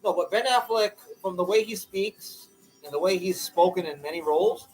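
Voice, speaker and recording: A man's voice: high voice, normal speed, faint music behind, poor audio. A man co-hosting a casual chat podcast, talking in earnest, rambling runs and steering the topics. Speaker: podcast co-host.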